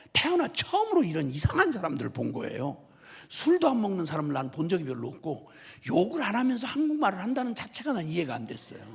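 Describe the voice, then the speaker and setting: A man preaches a revival sermon in a church, his high voice leaping up and down as he tells stories with humor and bits of mimicry. His tone is very husky and gravelly. The sound rings with the long reverb of a large church hall. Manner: animated storytelling with humor and mimicry. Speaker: missionary preacher. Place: church sanctuary.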